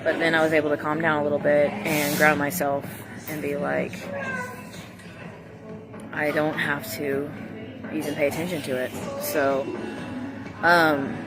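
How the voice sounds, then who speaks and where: Young woman doing a rambly confessional livestream in a coffee shop, emphatic n repeats herself, music playing pretty loud behind her. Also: deep voice, poor audio. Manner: candid, emphatic, repetitive, with blunt swearing. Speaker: livestream vlogger.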